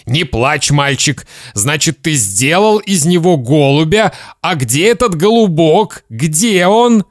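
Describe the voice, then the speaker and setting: A man's voice: a little high, very animated, measured pace, dry recording, studio quality, pitched above the performer's own voice. A man reading a children's story aloud, voicing a nervous father who questions his son sternly. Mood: pressing. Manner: stern, interrogating, then pleading. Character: flustered, nervous father, growing frantic.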